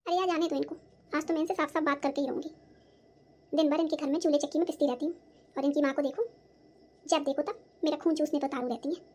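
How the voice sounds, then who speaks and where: A woman voicing a sharp-tongued young daughter-in-law in a cartoon, answering back defensively. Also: sits high, natural voice. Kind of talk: cartoon voice acting.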